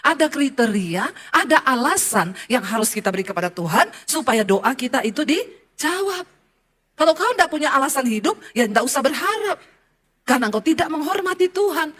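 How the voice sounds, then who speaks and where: A woman pastor delivers a passionate sermon in a high voice. She talks directly to her listeners, moving from quiet personal story to forceful exhortation. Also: very animated, a little fast. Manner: impassioned preaching, swinging between soft confessional tones and loud exhortation; addresses the congregation directly as brothers and sisters.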